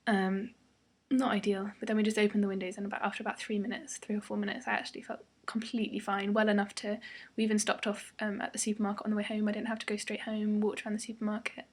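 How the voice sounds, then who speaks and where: Tired, breathy young British woman vlogging. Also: medium pitch, level tone, fast. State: tired, a day after surgery. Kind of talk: casual personal vlog.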